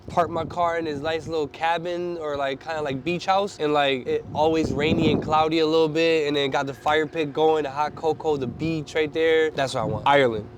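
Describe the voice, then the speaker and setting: A man's voice: a little high, steady tone. Playful New man, slangy host. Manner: slangy, playful, quick asides. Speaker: host and photographer. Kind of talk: casual interview. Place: Brooklyn rooftop outdoors. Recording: outdoor city noise behind.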